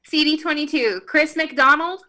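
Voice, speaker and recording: A woman on a video call reading out a roll of names slowly and carefully, with apologetic asides. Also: sits high, pushed and bright, a little hiss or hum. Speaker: meeting roll-call reader.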